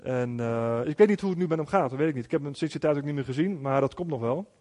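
A man's voice: fairly high pitch, fast talker, dark tone, long reverb tail. A man preaching a sermon as a pastor, telling a personal story in an earnest way with frequent restarts.

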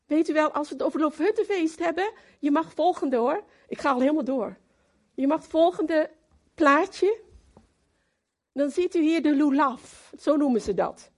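A woman giving a lively, emphatic sermon who talks straight to the congregation and slips into English now and then. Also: high-pitched, normal speed. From Moluccan community in the Netherlands. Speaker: preacher.

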